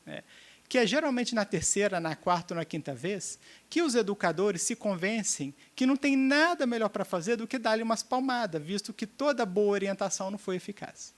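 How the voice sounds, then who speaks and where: High-voiced man teaching a seminar. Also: expressive, brisk. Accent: Brazilian Portuguese. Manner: checks in often with the audience, acts out quoted dialogue. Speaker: seminar speaker.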